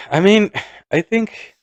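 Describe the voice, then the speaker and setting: A man's voice: high-pitched, no room sound, dull audio. A man, co-hosting a casual chat, reflective and hesitant, often repeating words. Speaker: podcast co-host.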